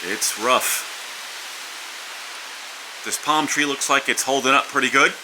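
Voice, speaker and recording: A man's voice: mid-range voice, measured pace. A man narrating a casual vlog outdoors from under a house porch during a storm. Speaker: vlogger. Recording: wind, rain and hiss behind voice.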